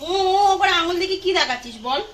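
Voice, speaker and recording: Brief: woman at home, sing-song coaxing baby talk, very high ringing voice. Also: expressive, fast, a bit bright, slight background noise. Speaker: mother playing with her toddler.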